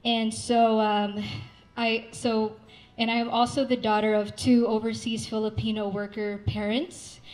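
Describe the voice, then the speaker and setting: A young woman from Saudi Arabia, speaking casually at a live event to introduce a song, relaxed, with fillers and restarts. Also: on the high side, unhurried, rough recording. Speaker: singer-songwriter introducing a song. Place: dim rooftop event room with city windows. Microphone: handheld mic, filmed by a far camera.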